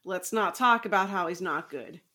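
A woman's voice: on the low side, lively intonation, normal speed, bright, forceful tone. Woman, podcast co-host, casual chat, joking, laughs a lot.

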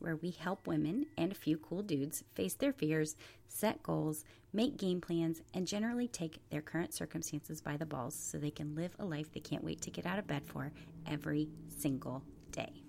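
Podcast host lady, really low voice, lots of vocal fry, reading her intro and an ad. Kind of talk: scripted podcast intro and ad read.

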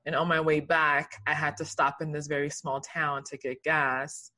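Liberia-born woman, bright clear voice, earnest storytelling in a chat. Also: low-pitched, flat delivery, normal speed. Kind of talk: casual conversation.

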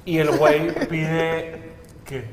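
A Mexican man with a fairly high voice tells a story in slangy, animated banter among friends. The room is echoey, with a long reverb tail and faint noise behind him. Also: extremely slow. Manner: slangy, animated anecdote-telling.

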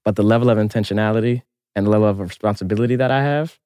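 A man's voice: on the low side, very fast, dark tone, dry recording. A man, an archaeologist interviewing a guest, telling a personal story in an earnest, reflective way.

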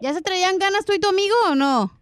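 A woman's voice: very high voice, fast, dry recording, studio quality. A woman cohosting a radio show, blunt and opinionated.

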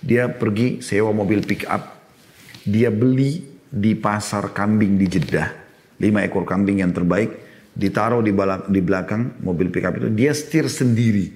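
A man's voice: lowish voice, moderate pace, darkish tone. A middle-aged man preaching a sermon, earnest and explanatory, with emphatic bursts and quoted Arabic phrases. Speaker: Islamic preacher.

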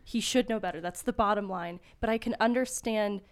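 Woman analysing sports, medium-pitched voice. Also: a little fast, clear, resonant tone. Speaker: sports talk show analyst.

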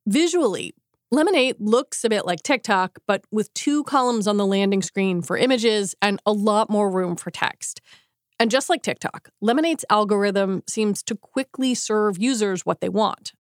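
A woman's voice: mid-range voice, normal speed, dry recording, clean studio sound. A woman hosting a podcast, reading scripted journalistic narration. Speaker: podcast host.

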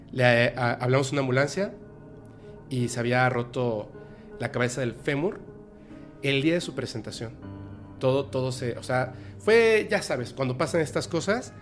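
A man hosts a podcast and tells a personal story in a halting, emotional way, stopping and restarting often. His voice sits at an ordinary middle pitch. Faint music plays underneath. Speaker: podcast host. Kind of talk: personal storytelling in a casual chat.

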